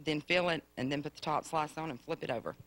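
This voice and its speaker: A woman's voice: deep voice, fast, a bit bright. A woman, a guest explaining a recipe in a plain, matter-of-fact way. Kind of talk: casual chat.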